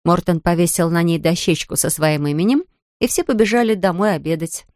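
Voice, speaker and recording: A woman reading a children's storybook aloud in a calm, even manner. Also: fairly low pitch, a little fast, dry recording, clean studio sound. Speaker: narrator.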